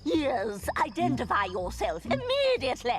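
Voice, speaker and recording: Game cutscene: coy villainess, high and drawling, pitch swooping wide. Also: female voice, huge pitch swings, moderate pace, creaky, faint music behind, exaggerated voice. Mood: haughty. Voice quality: syrupy, drawling, coquettish. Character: flirty, scheming female animal villain. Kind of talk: video game cutscene acting.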